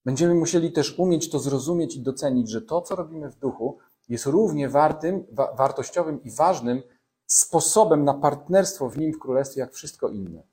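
A man's voice: fairly high pitch, animated, moderate pace, warm tone. A man preaching a sermon in a conversational way, talking directly to his congregation and reading scripture aloud. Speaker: pastor.

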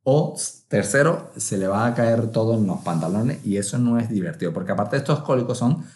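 A man, telling a comic travel story in a lively way, full of sound effects and acted-out inner voices. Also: lowish voice, brisk, reverberant. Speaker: travel vlogger.

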